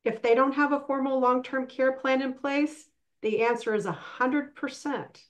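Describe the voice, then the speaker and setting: A woman with a fairly high voice speaks as a specialist on an online panel. Her delivery is brisk and emphatic, and she leans on key points. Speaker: long-term care specialist. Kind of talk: webinar panel talk.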